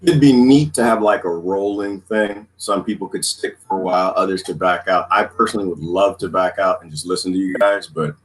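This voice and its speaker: An American man hosts a casual group chat on a livestream, speaking in a low voice at a brisk clip with few pauses. The online call audio is low quality, with steady background noise and faint music behind him.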